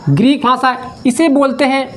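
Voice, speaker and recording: High-voiced man teaching step by step. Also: steady tone, moderate pace, a little hiss or hum. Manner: asks questions and answers them himself; repeats key terms over and over. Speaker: maths teacher. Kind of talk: classroom lecture.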